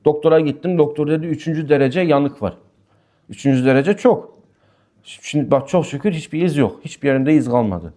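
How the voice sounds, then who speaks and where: Lively, slightly high-voiced man giving a sermon. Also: fairly quick. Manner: lively storytelling, pitch rising and falling sharply; reads passages aloud then explains them plainly. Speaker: Sufi sheikh giving a weekly talk. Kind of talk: religious talk with personal anecdotes and text commentary.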